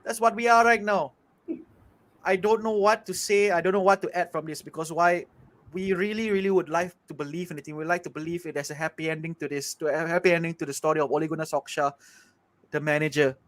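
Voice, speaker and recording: A man's voice: a little high, steady tone, quick pace. A man with a Malaysian English accent giving an emphatic, exasperated fan's rant on a football panel show. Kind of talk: passionate fan rant.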